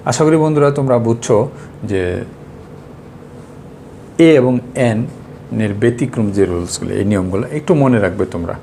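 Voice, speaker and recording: A man's voice: lowish voice, expressive, fairly quick, pauses often, dark tone, slight background noise. A young Bangladeshi man with a Bengali accent teaches an English grammar lesson. He asks his students a question and then answers it himself.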